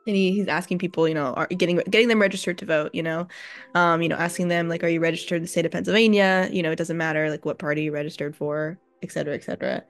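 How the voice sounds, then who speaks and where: A woman's voice: on the low side, steady tone, racing, faint music behind. A woman telling a casual story on a podcast, rambling with lots of fillers. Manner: rambling, many likes and you-knows. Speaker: party member sharing an anecdote.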